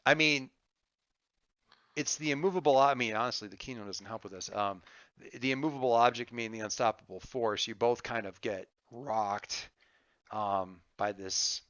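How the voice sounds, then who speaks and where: A man running a tabletop game as game master, narrating off the cuff and thinking aloud in a halting, casual way. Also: medium pitch, fairly bright tone, dry recording, highs cut off.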